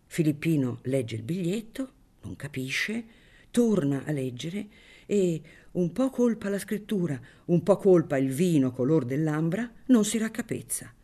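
Audiobook narrator, expressive, very lively intonation, storytelling. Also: medium pitch, measured pace. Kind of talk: audiobook reading of a novel.

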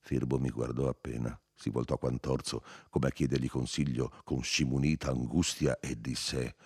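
A man giving a dramatic, expressive literary audiobook reading in a husky voice. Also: very deep voice, moderate pace, no echo, studio quality. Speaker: audiobook reader.

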